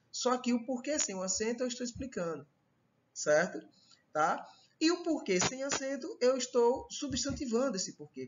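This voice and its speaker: A man's voice: high-pitched, dull audio, a little hiss or hum. A man teaching a recorded online Portuguese grammar lesson with a Brazilian accent, explaining step by step and checking in with his students often. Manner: explanatory, repeats "tá?" and "certo?" checks.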